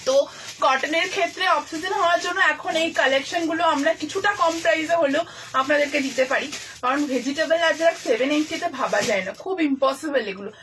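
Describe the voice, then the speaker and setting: A woman who owns a boutique, giving a brisk and persuasive sales pitch on a live stream while she has a sore throat. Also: fairly bright tone, a little hiss or hum. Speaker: boutique owner selling clothes live.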